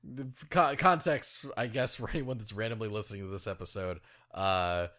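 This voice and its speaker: A man's voice: on the low side, moderate pace, bright, forceful tone. A man co-hosting a casual podcast, talking in a rambling way with many fillers and restarts, and laughing easily. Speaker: podcast co-host.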